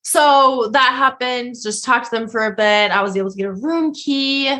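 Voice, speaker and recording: A young woman on a casual podcast, spilling a long story in a loose, rambling way. Her voice sits a touch high and she laughs often as she talks, full of restarts and asides. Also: moderate pace, bright, forceful tone. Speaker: podcast host.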